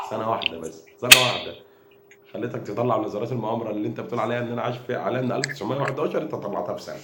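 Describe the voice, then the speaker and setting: A man with an Egyptian accent, ranting to camera as a football fan and mocking rival supporters. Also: fairly low pitch. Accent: Egyptian Arabic. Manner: taunting, mocking rival fans; rapid, repetitive, animated delivery. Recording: echoey room with background noise.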